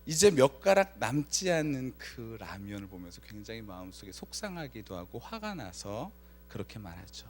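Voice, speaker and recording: In a church sanctuary, a man with a fairly low pitch preaches a Friday night sermon at normal speed over a little hiss or hum. As pastor, he spins a lively story, performing the quoted lines and asking the congregation questions.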